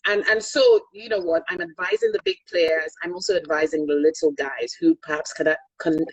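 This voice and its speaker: A middle-aged Nigerian woman who speaks Yoruba, an energy consultant, is a guest in an online interview about the energy business. She comes across as articulate, pragmatic and emphatic, with a low, husky voice captured on a poor-quality recording with no room sound.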